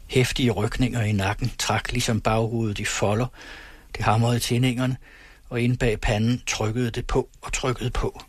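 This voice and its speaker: A man narrating a novel as an audiobook in a measured, steady way. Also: medium pitch, breathy edge, dry recording. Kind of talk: audiobook reading.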